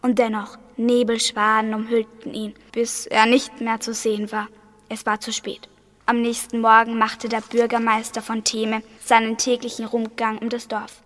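A teenage girl narrates a spooky school radio play in a fairly high, very flat voice. Long reverb hangs on her words. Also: moderate pace. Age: teens.

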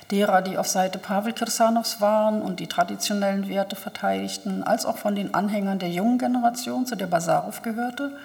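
A woman's voice: medium pitch, vocal fry, a little mellow. A woman translator reading a novel aloud and then talking thoughtfully about its author. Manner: thoughtful, with fillers. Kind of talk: literary reading and talk. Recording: long hall reverb.

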